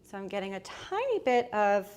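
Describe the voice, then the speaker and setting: A woman's voice: medium pitch, very animated, normal speed, a little mellow. A woman hosting a live fashion shopping stream, chatting upbeat with many fillers. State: out of breath. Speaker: fashion livestream host. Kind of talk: casual live shopping chat. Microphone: moving away from the mic while changing outfits.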